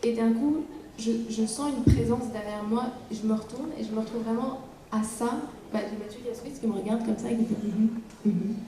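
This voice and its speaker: Woman, young, festival panel guest, hesitant, fillers, dark tone, distant, echoey hall. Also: on the high side, steady tone, brisk, a little hiss or hum. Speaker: actress guest. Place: large hall.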